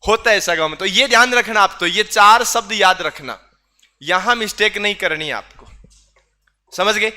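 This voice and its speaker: Guy teaching a class, really bright smooth voice, keeps quizzing students. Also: high voice, normal speed. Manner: questions students, teasing and repetitive. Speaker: reasoning teacher. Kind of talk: online class lecture.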